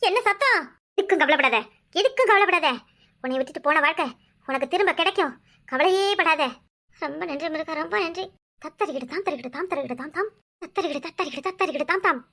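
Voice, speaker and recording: Woman doing a shrill bossy village woman. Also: animated, a little fast, bright, forceful tone, full character voice. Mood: possessed, commanding. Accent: Kanyakumari Tamil. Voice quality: shrill, scolding. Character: bossy devout village woman, quick-tempered. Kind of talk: village cartoon comedy.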